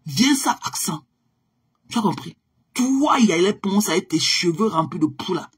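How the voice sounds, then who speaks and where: A woman's voice: lowish voice, animated, moderate pace, slightly rough. A woman, ranting confrontationally on a live stream and dropping in English phrases. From Cameroon. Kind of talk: heated live-stream rant.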